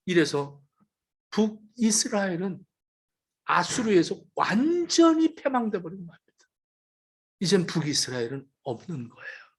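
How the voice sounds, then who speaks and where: A woman pastor preaching a sermon with emphatic rhetorical questions, moving between loud calls and hushed asides. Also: fairly low pitch, very animated, a little slow, pauses often, breathy edge.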